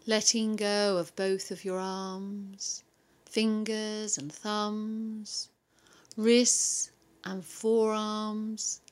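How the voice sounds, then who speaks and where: A woman leads a yoga and relaxation class in a soft, soothing voice. She speaks extremely slowly, leaving long pauses between each calm instruction. Her voice sits at a middle pitch. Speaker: yoga teacher.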